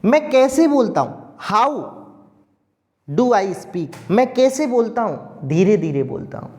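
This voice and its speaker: Slow, questioning male teacher. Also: fairly high pitch, a little mellow. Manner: slow, drawn-out explaining, asks questions and answers them himself. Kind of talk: online grammar lesson.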